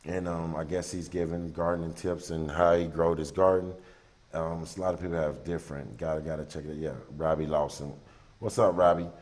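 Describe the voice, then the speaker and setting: Low-voiced man rambling as show host. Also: flat delivery, darkish tone. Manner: rambling, loose, many "um" pauses. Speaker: livestream talk show host. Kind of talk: casual call-in show chat.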